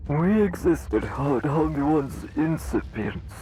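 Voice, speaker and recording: A woman voicing ancient solemn elder beings through a robot voice changer, slow and grave. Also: sits low, lively intonation, mellow, slight background noise, voice pushed down, low-quality recording. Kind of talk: fan dub voice acting.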